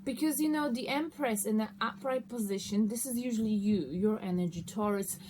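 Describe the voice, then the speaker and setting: A woman with a fairly high voice hosts a casual tarot reading. She talks conversationally, straight to her listeners, and often checks that they follow. There is some faint noise behind her. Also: brisk. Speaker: tarot card reader hosting an online reading. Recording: noticeable background noise.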